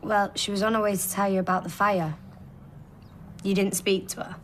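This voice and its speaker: Soap drama: persistent, accusing young woman, acted, medium pitch. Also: flat delivery, moderate pace, fairly bright tone, slight background noise, lightly acted. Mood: suspicious. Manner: probing, accusing.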